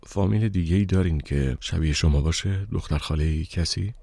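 A man reading the part of a reserved, brooding German musician in an audiobook, speaking low and terse. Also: creaky, dark tone, dry recording. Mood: distracted, insistent.

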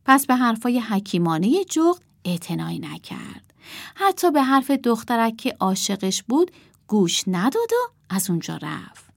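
A woman narrating a storybook aloud, expressive and dramatic, sometimes dropping to a whisper. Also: a little high, gravelly, no room sound, clean studio sound. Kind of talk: storybook reading.

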